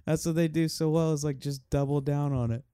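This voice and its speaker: A man's voice: a little high, steady tone, brisk, warm tone, clean tone, no echo, clean studio sound. A man chatting casually about a film, swearing often and laughing. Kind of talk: casual chat.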